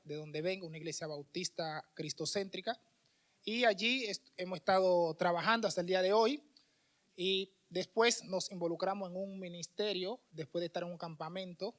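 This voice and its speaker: A man's voice: sits high, fairly bright tone. A man with a Dominican Spanish accent, a missionary preacher giving a conversational sermon with restarts and fillers. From Dominican Republic.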